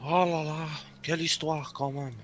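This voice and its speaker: A man's voice: a little high, fairly even intonation, moderate pace, fairly bright tone, a little hiss or hum. A man chatting in character during a game roleplay, rambling and friendly with the police. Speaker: roleplay player.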